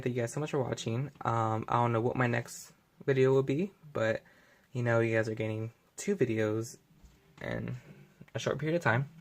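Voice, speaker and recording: A young man chats loosely to his camera from home, stumbling through fillers and correcting himself as he goes. His voice sits at an ordinary middle pitch. It keeps a gravelly, creaky edge throughout. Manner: rambling, filler-heavy, self-correcting. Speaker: vlogger. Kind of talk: casual unscripted video review.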